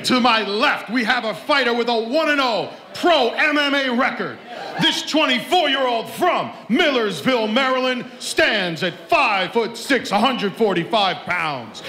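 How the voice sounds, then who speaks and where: A man's voice: very high voice, expressive, bright, forceful tone. A man announcing fighters like a boxing ring announcer, ceremonially drawing out names over an echoey arena sound system. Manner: drawn-out, ceremonial delivery of names. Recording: echoey arena public address.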